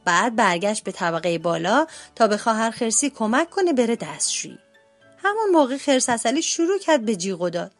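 A woman reading a children's storybook aloud as narrator, in an expressive, lively way. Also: mid-range voice. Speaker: translator and storybook reader.

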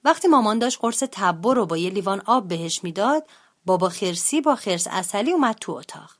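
A woman reading a children's storybook aloud as narrator, in an expressive, lively way. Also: mid-range voice. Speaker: translator and storybook reader.

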